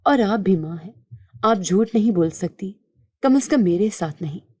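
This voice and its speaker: A woman voicing a grieving young mother in a spoken storybook, speaking with soft, earnest pleading. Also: medium pitch, lively intonation, no room sound, clean studio sound, natural voice. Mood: sorrowful.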